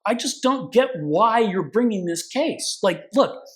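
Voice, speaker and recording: A man's voice: sits high, animated, unhurried, voice pushed up. A man mimicking an exasperated stern judge. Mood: lecturing. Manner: lecturing, exasperated, talks down to counsel. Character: stern incredulous male magistrate judge, older.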